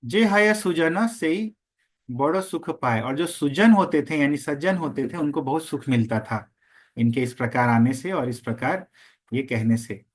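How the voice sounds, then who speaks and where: Slow-speaking man explaining sacred verses. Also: a little high, lively intonation. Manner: chants Bengali verses slowly, then explains them in Hindi. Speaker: scripture class teacher.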